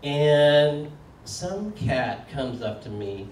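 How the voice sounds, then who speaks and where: A man in his sixties giving a relaxed, joking public talk with plenty of fillers, putting questions to an audience. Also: fairly high pitch, drawn-out words. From United States. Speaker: speaker. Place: community meeting room. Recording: echoey room from far off, faint background noise.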